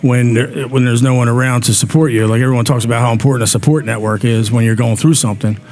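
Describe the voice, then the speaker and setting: A man's mid-range voice, steady and slightly mellow, moves at a quick pace. As a guest on a talk show, he earnestly addresses community aid and tends to repeat words while thinking aloud. Faint background noise is audible.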